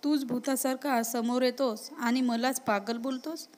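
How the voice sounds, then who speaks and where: Woman voicing a lively lovestruck college girl. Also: fairly high pitch, a little slow, close to an everyday voice. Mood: indignant. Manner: indignant, playful back-talk. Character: lively young woman college student in love.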